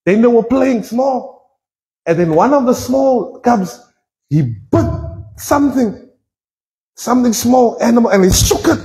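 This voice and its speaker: A South African pastor with a notably high, very lively voice preaches in an echoey church. He jokes with the congregation and jumps between English and Afrikaans. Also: measured pace, pauses often. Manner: playful and animated, switching between English and Afrikaans. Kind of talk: sermon.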